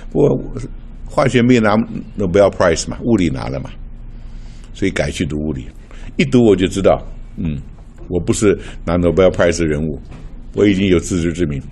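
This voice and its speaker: A man's voice: deep voice, lively intonation, a little fast, warm tone, husky. An older man from Taiwan preaching in a chatty, storytelling way, laughing often and mixing in English words. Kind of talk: sermon with personal stories.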